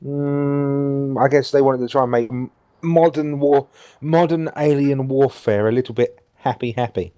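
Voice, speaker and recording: A man's voice: medium pitch, unhurried, warm tone, soft background music. A British man co-hosting a gaming show, chatting casually in a rambling, teasing way. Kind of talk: casual banter over gameplay.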